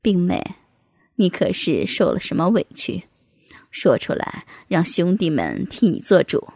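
Tender, soft-spoken husband in an audiobook, low and gentle, put on by a woman narrator. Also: huge pitch swings, measured pace, vocal fry, breathy edge, dry recording, whispered, full character voice.

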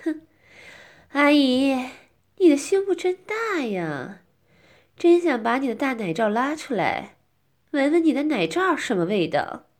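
A woman's voice: high-pitched, big pitch swings, measured pace, pauses often. A woman voicing a pouty, teasing young woman in a first-person story.

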